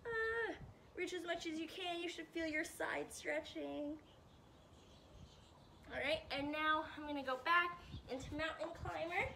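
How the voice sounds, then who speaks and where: A woman's voice: sits high, fairly even intonation, unhurried, vocal fry, pushed and bright, distant mic, slight background noise. Breathless upbeat woman coaching stretches. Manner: upbeat coaching, checks in with "all right?". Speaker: PE teacher. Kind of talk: guided exercise instruction.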